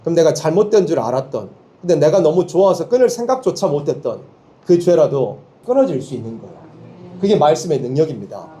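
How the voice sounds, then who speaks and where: Man, preacher, sermon to students, call-and-response, animated pitch, warm low timbre. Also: fast. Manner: leads call-and-response, has listeners repeat lines; lively, emphatic teaching with rhetorical questions. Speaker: preacher at a youth Bible school.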